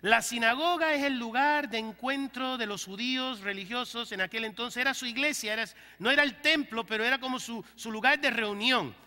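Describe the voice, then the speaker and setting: A male pastor preaching a sermon to his congregation, leading call-and-response and breaking into loud bursts. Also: extremely high pitch, a little fast, hardly any pauses, in a large hall.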